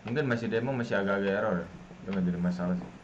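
A young gaming streamer with an Indonesian accent gives casual gameplay commentary in a fairly low voice, talking very fast. The recording is muffled and noisy with game audio.

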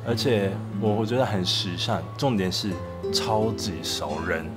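Over loud music, a young adult travel and food vlogger from Japan talks in an unhurried, lowish voice. A native Japanese speaker, he keeps the vlog chat casual and speaks Mandarin with a Japanese accent.

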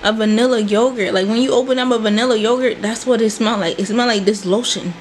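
Speaking quickly in a high voice with fairly level intonation, a twenty-something vlogger chats animatedly with her "y'all" audience from a small bedroom. She records on a handheld phone that she later sets on her desk, and faint background noise is audible.

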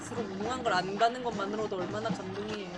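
A young woman gaming with a friend, teasing and scolding in deadpan role-play banter. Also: medium pitch, rapid-fire. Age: young adult. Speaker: co-host gamer. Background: loud game music.

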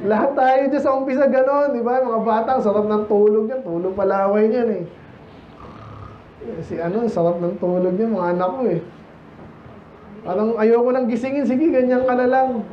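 In an echoey church sanctuary, a Filipino pastor with a high voice preaches at a moderate pace, chatting with and teasing the congregation through many rhetorical questions. The muffled recording has a little hiss or hum in it.

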